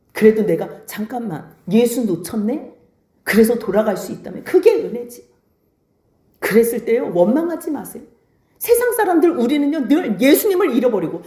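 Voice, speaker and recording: A woman pastor preaching a sermon, swinging between soft hushed lines and emphatic high calls. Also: echoey room.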